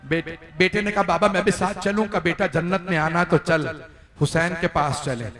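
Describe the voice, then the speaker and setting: A man preaching a mourning sermon, telling the story with passion, slowing down and rising to wailing peaks. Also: a little high, fairly bright tone. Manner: impassioned storytelling, slows and rises to wailing peaks. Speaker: preacher reciting a majlis. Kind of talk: Muharram majlis sermon. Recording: echoey hall.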